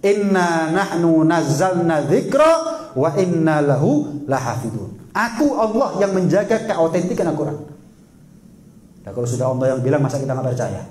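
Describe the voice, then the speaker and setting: A man giving a sermon, lively and teasing, often asking the audience questions. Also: on the high side, moderate pace, reverberant. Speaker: preacher.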